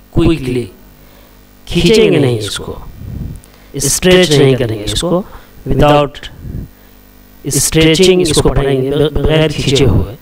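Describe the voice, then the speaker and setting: A man teaching Arabic letters, repeating each sound patiently in a slow chanting cadence. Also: fairly high pitch. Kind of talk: slow recited lesson, drilling letter sounds.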